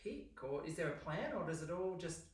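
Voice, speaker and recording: A man's voice: a little high, very animated, a little fast. A man hosting an interview, asking rambling, chatty questions and often affirming with "yeah". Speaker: interviewer host. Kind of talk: casual interview chat. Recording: roomy sound, distant mic.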